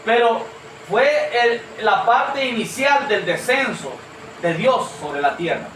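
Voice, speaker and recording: A man's voice: very high-pitched, lively intonation, slow pace, a bit bright, slight background noise. A man preaching a sermon to a congregation, earnest and questioning, calling them brother. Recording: echoey room from far off.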